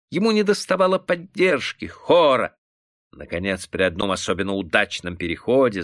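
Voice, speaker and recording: A man narrating classic prose in an expressive, dramatic reading. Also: medium pitch, no echo, clean studio sound. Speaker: audiobook narrator.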